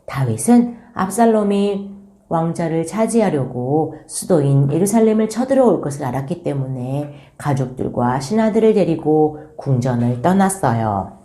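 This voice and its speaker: A woman church school teacher giving a children's Bible lesson, gently addressing the children directly. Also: deep voice, expressive, normal speed. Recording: roomy echo.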